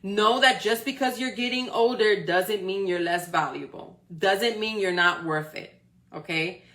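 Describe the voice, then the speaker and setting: An unhurried woman with a medium-pitched, slightly bright voice delivers an encouraging live-stream talk. The forty-something motivational speaker keeps asking "okay?" and "right?" to stay connected with listeners.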